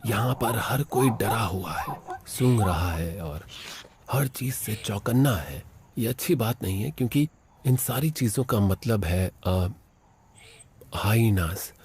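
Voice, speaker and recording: A man narrating a wildlife documentary in a dubbed voice-over, excitedly commenting on animals as they chase and fight. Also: lowish voice, takes it slowly, slight background noise. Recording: with loud background music.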